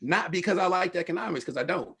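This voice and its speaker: A man's voice: high-pitched, animated, fast talker, creaky, pushed and bright, slight background noise. A middle-aged man from Los Angeles, a researcher speaking casually to an audience, telling candid life stories with slang and swearing.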